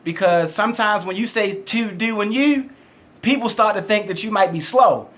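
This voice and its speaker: High-voiced man with a Baltimore accent. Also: normal speed, a bit bright. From Baltimore, Maryland, USA. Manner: boastful, joking, laughs often. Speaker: game show contestant hopeful. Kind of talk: casual casting interview. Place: casting room in Las Vegas.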